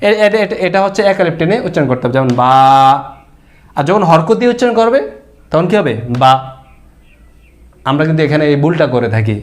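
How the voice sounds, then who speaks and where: A male Quran reading teacher with a somewhat high voice. He explains each point patiently, repeats key ideas and answers his own rhetorical questions, in the manner of a lesson. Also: sing-song, rapid-fire.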